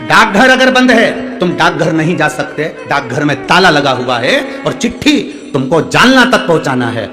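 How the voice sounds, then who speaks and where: A male preacher with a fairly high voice delivers a devotional sermon to a big outdoor stadium crowd. He answers listeners' letters with homely examples and keeps pressing the crowd to shout answers back. Soft devotional music plays faintly behind him. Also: animated, normal speed. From central India. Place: large outdoor stadium gathering.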